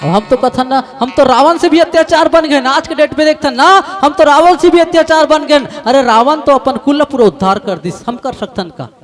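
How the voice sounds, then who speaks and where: A man's voice: very high-pitched, normal speed, hardly any pauses, soft background music. A man with a Chhattisgarhi accent preaching a devotional sermon in story form, emotional and rising to impassioned outcries. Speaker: Ramayana preacher.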